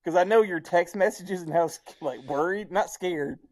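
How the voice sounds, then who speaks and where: A man's voice: high voice, moderate pace, a little mellow, low-quality recording. A man co-hosting a casual podcast, telling a crude joking story and laughing as he talks. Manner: joking, crude humor, laughs while talking. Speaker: podcast co-host.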